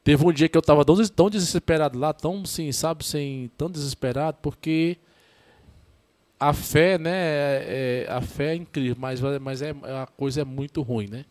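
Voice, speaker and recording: Chatty priest with a northeastern Brazilian accent. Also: male voice, on the high side, darkish tone. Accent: northeastern Brazilian (Ceará). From Ceará, northeastern Brazil. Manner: halting and repetitive, tags "né?" often, restarts. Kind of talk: casual podcast interview storytelling.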